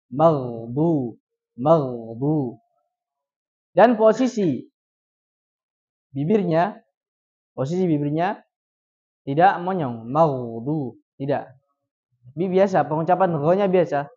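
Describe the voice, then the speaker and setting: A man teaching Quran recitation. He poses questions and answers them himself, and he repeats syllables slowly to demonstrate each sound. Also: fairly high pitch, a little mellow. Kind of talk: recitation lesson. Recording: dull lo-fi recording.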